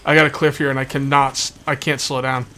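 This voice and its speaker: Talking fast with little pitch movement, a man with a sharp-toned, mid-range voice hosts a let's play series. His gameplay commentary is casual and rambling, he repeats himself, and his tongue is sore from a bite. Video game ambience forms the background noise behind his voice.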